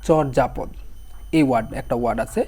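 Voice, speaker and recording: A young man teaches an exam-prep session online in a hoarse, mellow voice of medium pitch. Slowly repeating each word, he spells it aloud while asking his students questions.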